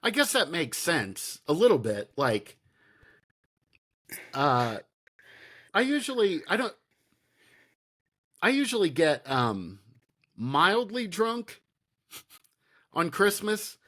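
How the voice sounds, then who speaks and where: A man co-hosting a comedy podcast, reacting in a halting way and laughing often. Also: on the high side, sing-song, fairly bright tone, no echo, clean studio sound. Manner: halting, lots of fillers and restarts, laughs easily. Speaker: podcast co-host. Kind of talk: casual comedic chat.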